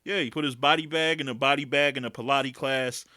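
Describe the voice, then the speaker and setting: Bright-voiced man hosting a podcast. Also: mid-range voice, fairly even intonation, fairly quick, no echo, studio quality. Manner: easygoing, laughing, conversational. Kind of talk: casual podcast recap chat.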